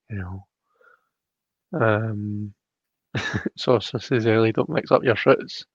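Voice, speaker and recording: Slow and husky, a lowish male voice chats casually on a live stream, tentative and apologetic throughout. He is the host of a live tarot reading show, heard through muffled, roomy home live-stream audio.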